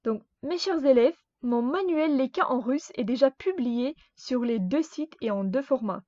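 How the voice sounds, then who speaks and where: A woman teaching a grammar lesson, speaking slowly and carefully and repeating each example word. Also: high-pitched, lively intonation, dark tone, no echo. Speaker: Russian language teacher. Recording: dull dry lo-fi sound.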